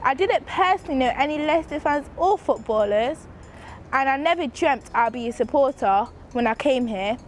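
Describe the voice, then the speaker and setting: A woman's voice: sits high, lively intonation, normal speed, slight background noise. A young woman performing spoken word poetry in an earnest, rhythmic recitation. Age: young adult.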